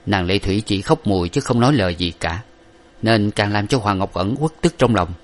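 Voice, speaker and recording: A man narrating an old novel as an audiobook, in a steady, measured manner. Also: lowish voice.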